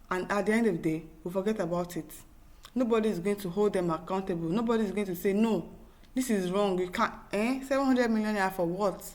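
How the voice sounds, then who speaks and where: Reading viewer comments on her news commentary program, a woman with a Nigerian accent speaks in a mid-range, darkish voice. She is emphatic and exasperated, leaning on repetition and rhetorical questions to press her opinions.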